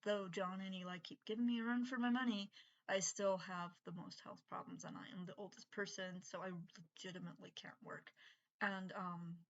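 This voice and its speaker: A middle-aged woman vlogger, whose voice is unusual because of breathing troubles, rambles through a halting, casual monologue packed with fillers and restarts. She has a medium pitch and fairly even intonation, and the sound is lo-fi.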